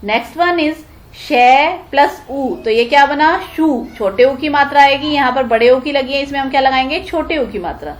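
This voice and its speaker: A woman teacher explaining a school lesson, asking questions and answering them herself, drawing out each word with care. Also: high-pitched. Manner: drawn-out careful pronunciation of words. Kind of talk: Hindi classroom lesson explaining Sanskrit exercises.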